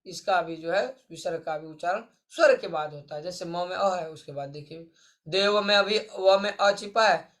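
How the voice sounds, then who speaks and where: High-voiced male Sanskrit teacher. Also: fairly bright tone. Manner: explains, then quizzes with questions he answers himself; addresses listeners as friends. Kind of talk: online exam-prep lesson.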